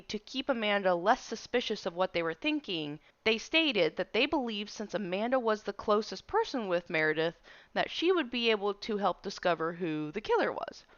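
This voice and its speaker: A woman's voice: medium pitch, fairly bright tone, no room sound, dull audio. A woman hosting a true crime podcast, telling the case in a casual storytelling way. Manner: casual storytelling, reads case details evenly. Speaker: podcast host.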